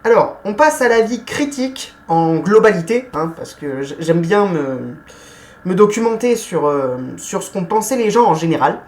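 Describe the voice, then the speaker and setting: A woman giving a casual film review, chatty and hesitant, often pausing with fillers and correcting herself. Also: lowish voice, expressive.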